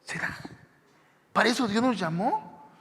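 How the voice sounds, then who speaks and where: A man's voice: high-pitched, expressive, measured pace, a little hiss or hum. A man preaching a sermon as pastor, emphatic and full of direct appeals to his listeners. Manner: emphatic, repeats "hermano", rising to shouts. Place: church sanctuary. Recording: echoey church hall reverb.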